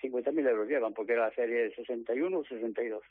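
A man, a lottery ticket seller, telling his story in lively detail and acting out the dialogue. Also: medium pitch, racing, husky. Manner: animated storytelling, acts out quoted dialogue. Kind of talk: interview on the phone. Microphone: phone. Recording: dry phone line.

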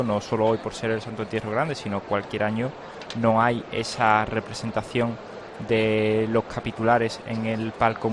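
A man's voice: fairly low pitch, background noise. A man commenting live alongside the anchor, filling in background details and explanations. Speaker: studio co-commentator.

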